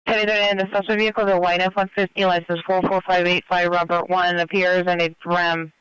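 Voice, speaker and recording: A man's voice: sits high, flat delivery, fast talker, a bit bright, smooth, no echo, rough recording. A man working as a police radio dispatcher, giving clipped procedural call-outs over the radio. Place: police scanner radio feed.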